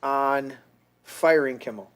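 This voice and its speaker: A man's voice: medium pitch, slow pace, fairly bright tone. A middle-aged man hosting a podcast, ranting heatedly and crudely with frequent restarts. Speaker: podcast host. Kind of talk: casual profane rant.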